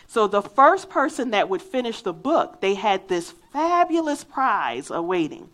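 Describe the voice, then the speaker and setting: Her mid-range voice is very animated and fairly bright, and she takes her time. She is a woman from Philadelphia, USA, with a faint accent from there, preaching earnestly and emphatically while sharing a personal story.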